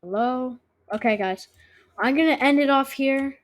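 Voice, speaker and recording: A woman's voice: sits high, a little slow. A woman hosting her own gaming channel, chatting to viewers as she plays and asking them to subscribe. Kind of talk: casual let's-play commentary. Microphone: own microphone.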